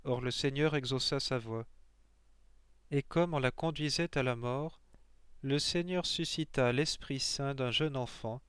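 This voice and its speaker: Smooth-voiced man reading scripture. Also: medium pitch, a little slow, a bit bright, no room sound. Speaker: reader.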